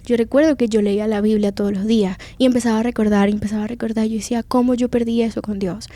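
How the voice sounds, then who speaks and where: A woman's voice: on the high side, steady tone, quick pace, mellow. A young woman from Venezuela with a Venezuelan Spanish accent, telling her faith testimony as a guest in an earnest, confiding way.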